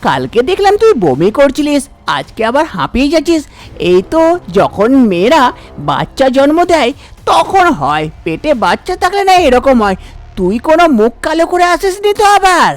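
Woman doing a shrill scolding mother. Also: sing-song, moderate pace. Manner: scolding, exasperated. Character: scolding middle-aged village mother.

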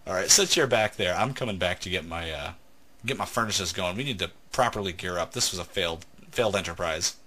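Man, let's play host, low-ish voice, teasing, casual gameplay banter. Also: a little fast, pushed and bright. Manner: joking, teasing storyteller.

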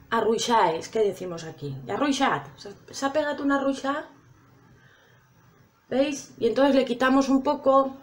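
A woman chatting casually to her viewers while trying out makeup. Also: fairly high pitch. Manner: chatty, addresses viewers directly. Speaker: makeup vlogger.

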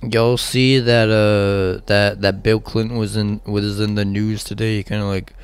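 A man's voice: fairly low pitch, level tone, a little slow, clean tone, no room sound. A man giving casual, rambling let's play commentary, swearing often and talking to himself as he plays. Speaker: gaming channel host.

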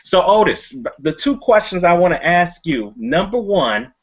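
A man's voice: high-pitched, sing-song, unhurried. Emphatic American man hosting, slightly muffled. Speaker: talk show host and coach. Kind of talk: motivational show hosting. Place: indoor room beside banner. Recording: dull lo-fi webcast.

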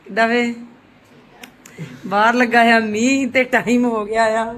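A woman's voice: on the high side, steady tone, normal speed, fairly bright tone. A middle-aged woman chats casually for a home vlog with dramatic, auntie-like exclamations and teasing questions. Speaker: family vlog host. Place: indoors at home. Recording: noisy handheld home vlog recording.

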